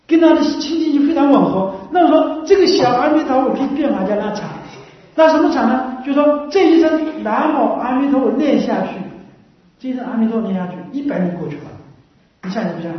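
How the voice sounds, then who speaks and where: A woman giving a Buddhist dharma talk who explains in a repetitive way and keeps asking listeners short rhetorical questions. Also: on the high side. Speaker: Buddhist teacher. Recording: very echoey room, mic far off, dull lo-fi sound.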